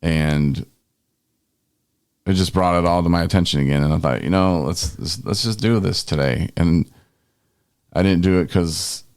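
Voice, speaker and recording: Deep, creaky-voiced male podcast host. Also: moderate pace, long pauses, no room sound, studio quality. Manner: rambling, conversational. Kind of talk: casual chat.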